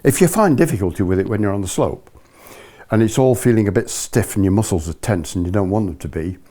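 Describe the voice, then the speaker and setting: A man's voice: lowish voice, animated, fast talker, mellow. A British man giving an informal spoken lesson as a ski instructor, chatty and explanatory, checking in with his listeners.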